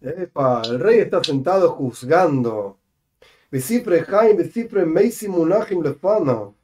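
Animated high-voiced man teaching Torah. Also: slow. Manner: animated, acts out quotes with big pitch jumps. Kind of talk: lively study-session teaching.

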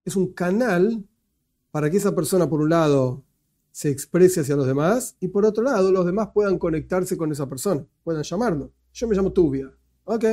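A man's voice: high voice, lively intonation, moderate pace, dark tone. A man with an Argentine Spanish accent giving a religious lecture with slides, methodical and explanatory, often correcting himself aloud. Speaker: religious teacher.

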